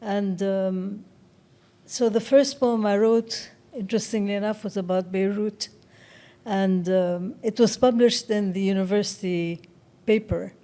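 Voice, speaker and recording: A woman near seventy, originally from Egypt, tells her story in an interview. Her voice is soft and mellow, and her pitch sits in an ordinary middle range. She speaks slowly and thoughtfully, often pausing to find her words. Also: fairly even intonation. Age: around 70. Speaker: interview guest, writer. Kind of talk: reflective interview talk.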